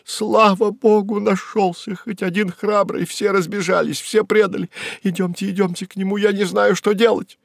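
A man's voice: little pitch movement, normal speed, gravelly, no room sound, studio quality. A man voicing a young, pretty female secretary who is hysterical and weeping, her voice a little nasal from crying. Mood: frantic. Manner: shrill, frantic exclamations. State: sobbing.

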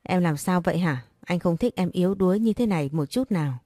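Lady doing a bossy sweet guy comforting a friend, lowish warm voice. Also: lively intonation, a little fast, dry recording, studio quality, lightly acted. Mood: coaxing. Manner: scolding yet tender, coaxing. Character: caring, pushy young man comforting a friend. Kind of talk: audiobook character reading.

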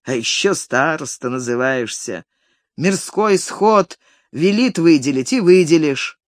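A reader voicing a stern, impatient male estate manager who scolds curtly in a lowered voice. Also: expressive, measured pace, no echo, clean studio sound, close to an everyday voice. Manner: curt, severe scolding. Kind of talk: audiobook character reading.

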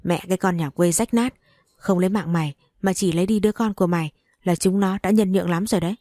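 A cruel young nurse sneers and snaps out abuse in a fast, scornful torrent, put on by a woman reading a novel aloud. Her voice sits low and warm. It is dry and close, with no room sound. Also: no echo, lightly acted. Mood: contemptuous. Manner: foul-mouthed, contemptuous, fast.

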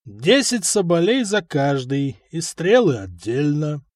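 A man voicing a cunning bearded merchant who speaks with icy, calculating calm. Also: fairly high pitch, slow pace, no echo, clean studio sound.

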